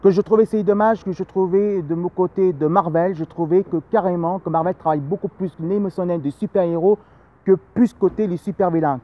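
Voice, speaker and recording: High-voiced rambling male film reviewer. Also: narrow, tinny audio. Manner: rambling, repeats himself, many fillers. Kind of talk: casual spoken film review.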